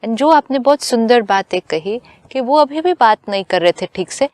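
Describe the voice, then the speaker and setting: A woman giving a calm spiritual talk in a measured teaching manner, with English phrases mixed in. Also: on the high side, no echo.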